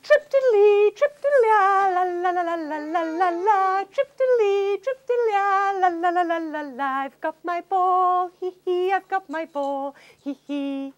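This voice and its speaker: A woman's voice: very high voice, slow, lo-fi sound, pitched above the performer's own voice. A woman voicing a cheerful, eager male frog who sings and chirps his lines.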